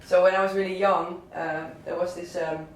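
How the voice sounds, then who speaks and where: A DJ and record selector with a southern Brabant Dutch accent chats casually about his favourite records at an indoor listening session, hesitating often with fillers and restarts. His voice is slightly high-pitched at normal speed. The mic is at a distance in an echoey room with faint noise.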